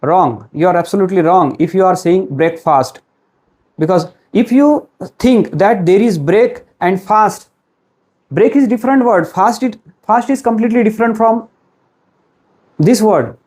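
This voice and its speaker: A man's voice: high voice, darkish tone. A man with an Indian accent teaching English pronunciation, mixing Hindi and English and quizzing the viewer. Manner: slow, deliberate delivery. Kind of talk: classroom-style pronunciation lesson.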